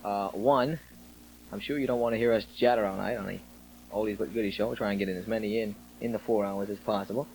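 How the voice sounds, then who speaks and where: A man's voice: on the low side, fairly even intonation, fast talker, darkish tone. A man hosting a military radio show as an upbeat disc jockey, with jokey, ad-libbed, conversational banter. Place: small radio station studio. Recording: noisy 1960s radio broadcast tape.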